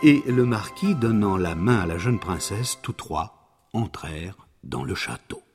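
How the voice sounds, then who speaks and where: Man, fairy tale narrator, dramatic delivery, animated pitch, background music. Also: a little slow. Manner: expressive, dramatic storybook reading. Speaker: storyteller.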